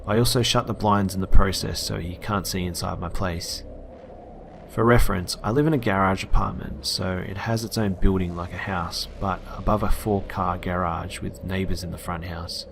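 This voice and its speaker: A man narrates a horror story in a low voice. His delivery is casual and blunt, with occasional swearing. A faint hiss sits under the recording. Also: steady tone, normal speed, gravelly.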